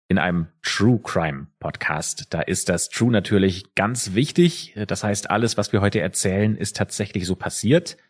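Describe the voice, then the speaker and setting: A man co-hosting a true crime podcast, telling the case in an easygoing storytelling way with casual asides. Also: fairly low pitch. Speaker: podcast co-host.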